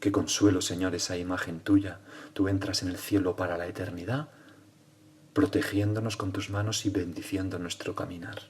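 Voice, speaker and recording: A priest leading a prayerful spoken meditation, speaking directly to the Lord and often dropping to hushed tones. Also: male voice, deep voice, level tone, moderate pace, slight background noise.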